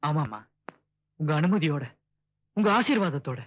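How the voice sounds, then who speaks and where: A firm young son in love. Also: male voice, fairly high pitch, lively intonation, a little slow, muffled recording. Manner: quiet, firm, reassuring.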